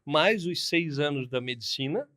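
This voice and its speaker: As a podcast guest, a fifty-something plastic surgeon from Florianópolis shares his story in relaxed, chatty interview fashion, his accent southern Brazilian Portuguese. His voice runs a little high and sharp, expressive, at a moderate pace.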